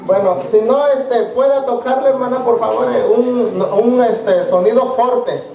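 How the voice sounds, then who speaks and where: A man teaching music to a church congregation, halting and filler-heavy, calling his listeners brothers and sisters. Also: extremely high pitch, vocal fry, mellow. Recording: roomy sound from a distance, with music.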